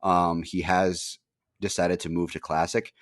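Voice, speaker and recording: Young guy on a podcast, super low voice, rambles w lots of ums and likes, swears here and there, dry sound. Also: level tone, measured pace, dry recording. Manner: rambling storyteller, heavy fillers, swears casually. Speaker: podcast host. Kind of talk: casual chat.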